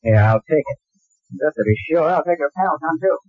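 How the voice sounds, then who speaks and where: A man's voice: fairly high pitch, animated, a little fast, dry recording. An actor playing a confident, wry and unflappable male private detective in an old radio drama. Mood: brisk, assured. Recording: muffled old radio recording with music.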